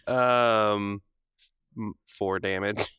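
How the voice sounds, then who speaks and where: A man's voice: lowish voice, drawn-out words, smooth, no echo, clean studio sound. A man playing a tabletop role-playing game, joking and laughing often as he talks. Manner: animated, laughs often, jokey. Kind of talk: casual tabletop role-play.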